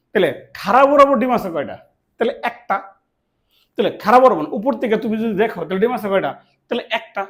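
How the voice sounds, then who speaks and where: A man from Bangladesh, teaching a classroom math lesson, asking questions and answering them himself. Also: sits high. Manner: asks and answers his own questions, repeats key words.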